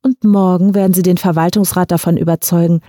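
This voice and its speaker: A woman voicing a suave, polite man who calmly threatens his victim, in an audiobook short story. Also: lowish voice, no echo, studio quality, close to an everyday voice. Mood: calm menace. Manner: smooth, unhurried, quietly threatening. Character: suave menacing male blackmailer, calm and polite. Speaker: audiobook reader.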